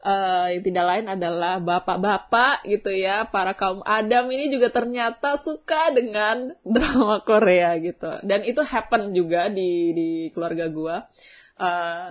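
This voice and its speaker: A young woman, hosting a vlog and chatting casually with viewers, telling a story in a slangy, animated way. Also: medium pitch, measured pace. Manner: chatty storytelling, slangy Jakarta-style, animated when excited. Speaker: vlog host.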